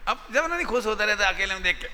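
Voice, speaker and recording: A man with a high, very bright voice teaches a lively religious class for children, repeating words and quizzing pupils. He talks slowly and deliberately. The sound carries a long hall reverb. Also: slight background noise. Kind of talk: interactive religious lesson.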